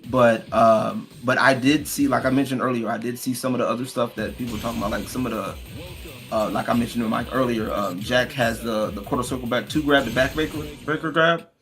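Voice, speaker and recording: A man's voice: mid-range voice, steady tone, fairly quick, fairly bright tone, soft background music. American man chatting, hesitant and repetitive. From Texas, United States. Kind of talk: casual chat.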